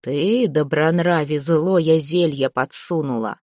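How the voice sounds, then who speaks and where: A woman voicing a vengeful dead husband back from the grave, talking low, slow and with contempt. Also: dark tone, no echo, clean studio sound. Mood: menacing.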